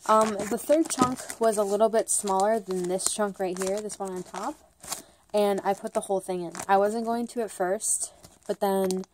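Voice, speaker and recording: A woman's voice: medium pitch, steady tone, a little mellow, a little hiss or hum. A woman chatting through a casual product review at home, rambling and bubbly with lots of "like" and "um". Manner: rambling and bubbly, many "like" and "um" fillers; talks fast at times, by her own account. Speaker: vlogger reviewing wax melts.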